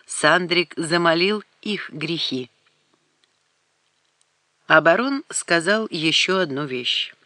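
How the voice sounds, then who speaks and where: Slow, bright-voiced woman narrating. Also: on the low side, lively intonation, no room sound. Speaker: audiobook reader. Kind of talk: scripted novel narration.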